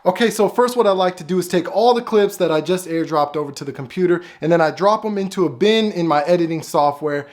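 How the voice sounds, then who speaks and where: A man's voice: high-pitched, fast talker, hardly any pauses. A man casually explaining how he films and edits his videos, thinking aloud as he goes, recorded on a phone. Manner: casual, offhand talk, thinking aloud while filming. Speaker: YouTuber making animated shorts. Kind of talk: casual behind-the-scenes explanation.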